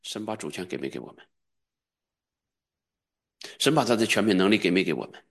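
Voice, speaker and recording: A man preaching as a pastor, swinging between quiet low asides and loud, high, fervent exclamations, at times chanting repeated commands in prayer. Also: expressive, a little fast. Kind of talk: charismatic sermon.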